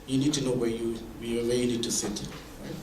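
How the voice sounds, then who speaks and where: Male presenter, mid-pitched, explaining with examples, heard from a distance in a roomy hall. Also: steady tone, fairly quick, dark tone, slight background noise. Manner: explains with examples, many restarts. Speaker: presenter at a mentoring event. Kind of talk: conversational presentation. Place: meeting room or hall. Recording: echoey room from far off.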